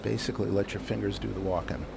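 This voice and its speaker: A man giving calm, understated casual commentary as he hosts a flight simulator video, with a gravelly voice. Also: on the low side, quick pace. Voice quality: gravelly, creaky. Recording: loud engine drone, cockpit noise. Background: aircraft cabin hum from flight simulator.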